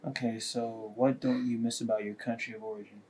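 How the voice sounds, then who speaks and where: A man conducting an oral history interview, asking short questions in a flat, level tone. His voice is dark and mellow, and there is a faint hiss of background noise. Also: medium pitch, brisk, low-quality recording. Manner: reads short questions plainly. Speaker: student interviewer.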